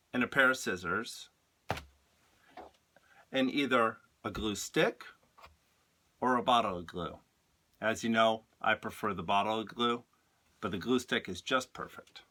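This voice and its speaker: A man's voice: fairly low pitch, sharp tone, a little hiss or hum. A man teaching an art lesson to young children, explaining patiently and spelling words out for them. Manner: slow, patient, spells things out.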